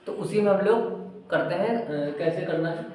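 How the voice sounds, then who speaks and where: A man with a high voice teaches an English grammar lesson. He explains patiently and keeps asking the pupils questions. His voice booms around a very echoey classroom, with the mic some distance away. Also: darkish tone. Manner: explains slowly, asks pupils questions and repeats their answers.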